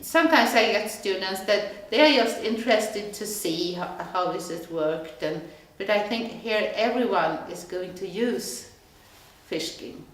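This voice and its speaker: A woman teaching a craft course gives halting, reflective interview answers and often restarts her sentences. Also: medium pitch, expressive, fairly bright tone. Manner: halting, searching for words, restarts. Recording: very echoey room.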